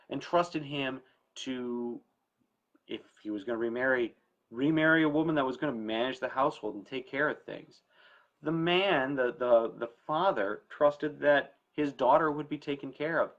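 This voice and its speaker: This estate planning attorney, who hosts a story time talk, has a mid-range voice captured on a muffled recording. Speaking to camera, he explains things conversationally, informally and with emphasis.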